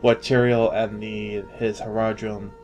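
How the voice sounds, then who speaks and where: A man's voice: lowish voice, little pitch movement, measured pace, a little mellow, muffled recording, soft background music. Joking podcast host, man. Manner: jokey, laughs often, trails off with fillers. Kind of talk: casual gaming podcast chat.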